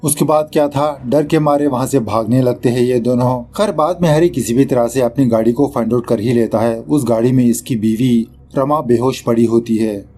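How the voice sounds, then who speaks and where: Dark-voiced man casually recapping a film. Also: mid-range voice, moderate pace, few pauses. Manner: chatty storytelling, mixing English words into the telling; mocks the film's director mid-story. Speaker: movie recap narrator. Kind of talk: casual movie explanation voice-over.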